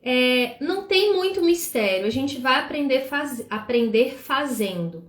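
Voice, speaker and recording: Animated woman teaching, roomy echo. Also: high-pitched, unhurried. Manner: animated and expressive, acting out examples. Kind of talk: live-streamed devotional teaching.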